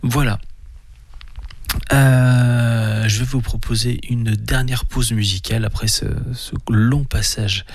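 A man hosting a tabletop role-play podcast, talking casually and hesitantly with many filler pauses. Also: medium pitch, fairly even intonation, no room sound. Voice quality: gravelly, husky. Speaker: podcast host and player. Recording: dry close mic.

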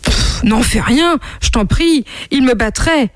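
A woman's voice: on the high side, normal speed, no room sound, clean studio sound, close to an everyday voice. A woman voicing a put-upon male camel in a children's tale, plaintive and indignant. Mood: pleading. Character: gullible, then vengeful male camel.

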